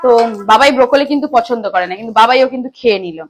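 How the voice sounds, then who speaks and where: A young woman vlogs on a phone camera, talking casually to her viewers and slipping English phrases into her sentences. She talks fast in a slightly high voice. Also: a little hiss or hum. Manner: chatty, mixes English phrases into her talk. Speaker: lifestyle vlogger. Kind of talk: casual vlog chat to viewers.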